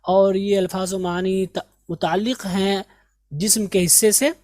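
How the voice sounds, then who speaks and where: A woman teaching English, slowly drilling each word and its meaning in a patient lesson. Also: mid-range voice, fairly even intonation, warm tone, no echo, studio quality. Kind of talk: slow vocabulary drill lesson.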